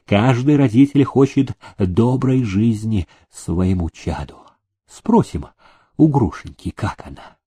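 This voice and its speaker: A man's voice: lowish voice, animated, dark tone, slightly rough, heavily acted. A man voicing a humble old village father. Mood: measured. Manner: deferential, slow and careful.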